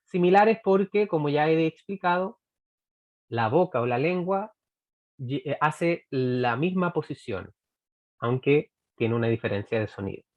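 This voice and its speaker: A Chilean woman teaching English pronunciation in a recorded workshop, speaking deliberately and repeating example phrases slowly. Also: low-pitched, animated, narrow, tinny audio.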